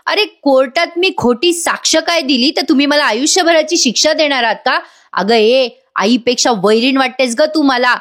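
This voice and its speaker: A rude, arrogant young woman who snaps and scolds, as read by a woman retelling a TV serial. The voice sits high and stays scornful and bossy. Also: normal speed, fairly bright tone.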